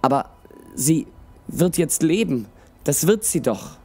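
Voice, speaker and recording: A man's voice: fairly high pitch, fast, faint music behind, pitched above the performer's own voice, lightly acted. A man voicing a desperate, tearful young mother in a read-aloud storybook, pleading.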